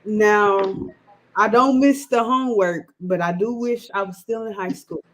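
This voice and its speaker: A woman's voice: mid-range voice, a little slow, rough recording. Ranting woman in her thirties. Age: 30s. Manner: chatty, ranting with emphatic repetition. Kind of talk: casual sports-show chat.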